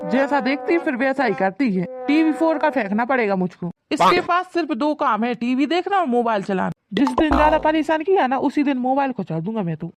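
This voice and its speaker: A woman voicing a grumbling, henpecked village husband who complains and threatens in rustic dialect in a cartoon. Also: high-pitched. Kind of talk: cartoon voice acting.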